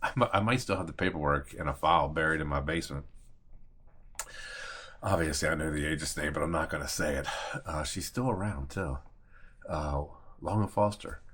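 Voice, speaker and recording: Looking straight at the camera, a deep-voiced man in his fifties from Maryland, who is a real estate agent and attorney, tells a casual personal story at normal speed. His tone is fairly bright with a breathy edge, and his loose, conversational talk includes mild cursing and acted-out snatches of remembered dialogue.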